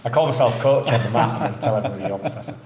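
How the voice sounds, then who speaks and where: A man with a cold and a slightly nasal, medium-pitched voice talks very fast inside a martial arts gym. As a jiu-jitsu coach, he chats casually about opening a new gym, relaxed and rambling with many fillers. The room is echoey with faint noise.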